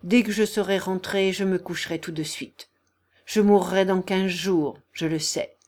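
A woman reading an audiobook, voicing a dying young man who speaks quietly, hoarse and weary. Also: lowish voice, steady tone, measured pace, natural voice. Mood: weary calm. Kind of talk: audiobook character voice.

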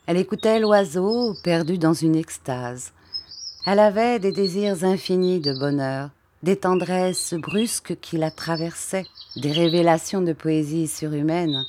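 Female audiobook narrator, low-pitched, very slow literary reading. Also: a little mellow, slight background noise. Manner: measured, unhurried reading.

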